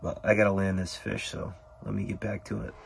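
Gravelly-voiced man vlogging from an ice shelter. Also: fairly low pitch, brisk, a little hiss or hum. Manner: relaxed, talks to the fish, drops to a hushed whisper when excited. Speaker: outdoor vlogger. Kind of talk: casual solo fishing commentary. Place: inside a small ice fishing shelter on a frozen lake.

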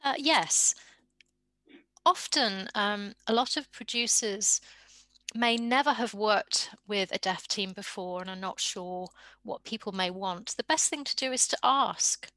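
Direct woman, dry and bright. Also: mid-range voice, unhurried, no room sound. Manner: direct, practical advice. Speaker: theatre producer, panelist. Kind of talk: panel discussion. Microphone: video call.

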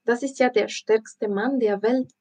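A woman's voice: on the high side, steady tone, measured pace, a little mellow. Woman reading as a cautious little girl. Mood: doubtful. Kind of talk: audiobook reading.

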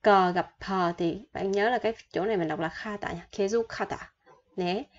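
Speaking fairly quickly at a medium pitch, a Vietnamese-speaking woman teaches Korean words and grammar. She repeats every word patiently and puts questions to her viewers, and the sound is dull and lo-fi.

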